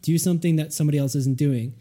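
A man's voice: fairly high pitch, fairly even intonation, racing, dark tone. A man co-hosting a casual podcast chat, musing thoughtfully and rambling with many fillers. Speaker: podcast co-host.

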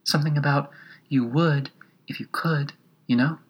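A tiny, wistful storybook insect, acted out by a narrator, speaks in a small, quiet voice pitched above a normal reading. It is gentle and confiding, as if right beside the ear. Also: steady tone, moderate pace, breathy edge, lo-fi sound, close to an everyday voice. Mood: teasing. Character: tiny sad insect, a gentle pleading gnat.

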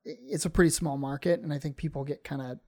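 A man's voice: a little high, steady tone, fast talker, a little mellow. A man, a stand-up comedian, chatting casually on a podcast, rambling with many fillers and restarts.

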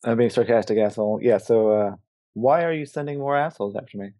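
A man's voice: mid-range voice, quick pace, warm tone, lightly acted. A man voicing a sarcastic male assassin on the run in a tabletop game, talking bluntly.

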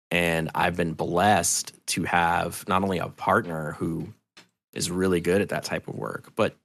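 Low-pitched yet a bit bright, his voice has a creaky edge and no echo. He's a middle-aged guest on a podcast who makes audio dramas, chatting openly and earnestly with rambling restarts and loose swearing.

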